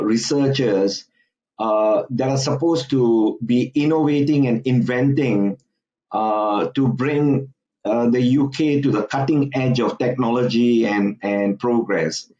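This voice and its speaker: Speaking at medium pitch with a darkish tone on a muffled recording, a man from Singapore appears as a guest commentator in a podcast interview. His delivery is halting, packed with fillers like "uh" and frequent restarts.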